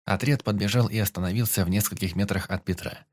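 Deep-voiced male audiobook narrator. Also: fast talker, a little mellow, dry recording, studio quality.

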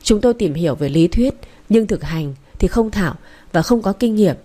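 A woman reading the lines of a calm, patient young man who tutors and explains things step by step, in an audiobook. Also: medium pitch, normal speed, lightly acted. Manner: patient, instructive.

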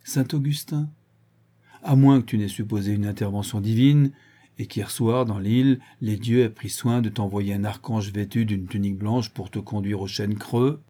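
A man's voice: fairly low pitch, steady tone, moderate pace, dark tone, breathy edge. A man reading aloud and voicing an old male druid impostor who talks in a glib, jeering, unflappable way. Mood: mocking. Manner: jeering, chatty, theatrical.

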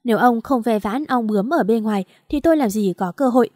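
A woman's voice: fast, a little mellow, no echo, clean studio sound, natural voice. A woman reading an audiobook and voicing a bitter, shrewish older woman who shrieks accusations. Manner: shrill, wailing accusations.

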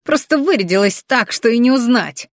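A woman's voice: a little high, animated, moderate pace, no room sound, studio quality, voice pushed up, close to an everyday voice. A woman voicing a spiteful teenage boy who taunts and sneers, in a storybook reading. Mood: sneering.

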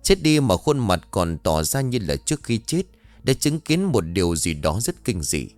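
A man narrating a horror story in a measured, expressive storytelling voice. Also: low-pitched, dry recording. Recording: dry studio voice-over with faint music.

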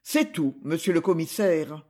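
A man's voice: fairly high pitch, measured pace, a little mellow. A man doing a shaken witness reporting to police. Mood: earnest. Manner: earnest, reporting urgently.

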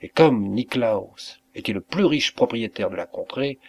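Male audiobook narrator, slow and deliberate, expressive reading, mid-pitched. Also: creaky, breathy edge. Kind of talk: scripted narration.

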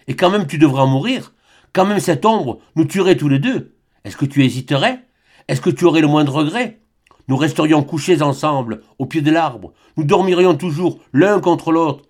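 A man's voice: a little high, moderate pace, a little mellow, close to an everyday voice. A man reading aloud, voicing a passionate young woman who pleads with her lover in an ardent, imploring manner. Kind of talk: audiobook character reading.

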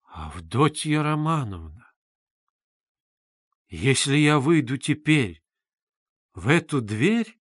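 A pompous, sarcastic middle-aged suitor, voiced by a male reader, speaks with haughty, ceremonious politeness. His voice sits high and strained in a dry, close recording. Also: a bit bright, no echo, full character voice. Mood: shaken.

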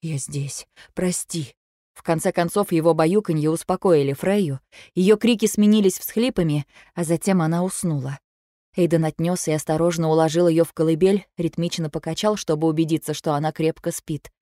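A woman reading a first-person audiobook in a soft, subdued way. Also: low-pitched, fairly even intonation, brisk, no echo, clean studio sound. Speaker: audiobook reader.

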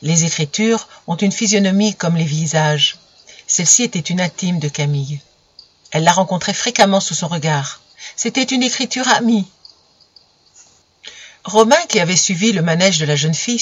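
A narrator giving a measured, literary audiobook reading of a novel. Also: mid-range voice, animated, muffled recording.

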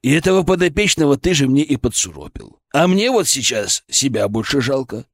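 A man's voice: mid-range voice, very animated, a little fast, dry recording, clean studio sound. A man voicing a sarcastic, nervous, middle-aged male department head who grumbles about his boss. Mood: grumbling sarcastic.

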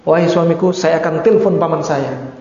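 A man quoting a devoted young wife in a soft, gentle, pleading way during a sermon, in a dull, echoey hall recording. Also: fairly high pitch, fairly even intonation, brisk, pitched below the performer's own voice, close to an everyday voice.

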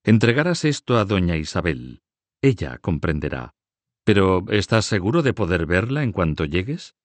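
A man's voice: deep voice, very animated, normal speed, no room sound. A man voicing a huge, brash nobleman who speaks bluntly and commandingly. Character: giant boisterous nobleman, count, brash.

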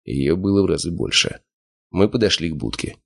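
A man narrating an audiobook in the first person, steady and smug. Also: low-pitched, fairly quick, creaky. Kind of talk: scripted narration.

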